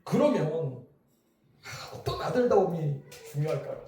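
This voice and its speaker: Animated pastor preaching in an echoey hall. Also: male voice, fairly high pitch, measured pace, distant mic. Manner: lively, talks to the crowd with questions. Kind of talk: revival sermon. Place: church hall.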